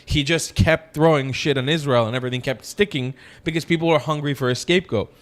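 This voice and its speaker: A man's voice: fairly high pitch, fast. A man with a slight, wet lisp from wearing braces, talking bluntly and profanely in a casual political discussion.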